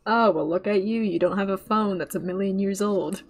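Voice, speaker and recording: A young woman reacting to a show with a friend, loose and sweary, breaking into laughter between quick runs of words. Her voice sits in an ordinary middle range, and she talks in a plain, casual way. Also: mid-range voice. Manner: sweary, laughs a lot, quick bursts of talk. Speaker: reaction video host. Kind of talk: casual commentary chat while watching a show.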